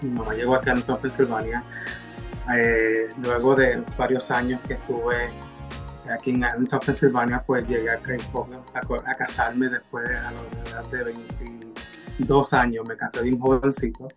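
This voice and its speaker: A man's voice: mid-range voice, little pitch movement, moderate pace, music in the background. A middle-aged man with a Puerto Rican accent, a preacher guesting on a podcast, talking in a hesitant way with many fillers. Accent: Puerto Rican Spanish. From Puerto Rico. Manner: hesitant, many fillers and restarts while telling his story.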